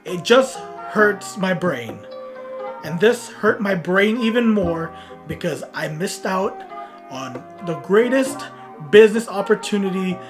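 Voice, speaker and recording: A woman in her twenties telling a comic story on her vlog, self-mocking and dramatic, dropping to mumbles and rising to loud outbursts. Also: medium pitch, expressive, takes it slowly, music in the background. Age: 20s. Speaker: vlogger.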